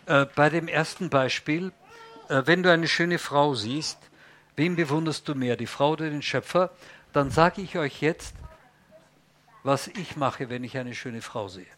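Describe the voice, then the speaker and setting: A man's voice: a little high, a little slow, a bit bright. A man preaching a sermon in an emphatic way, often putting questions to the congregation.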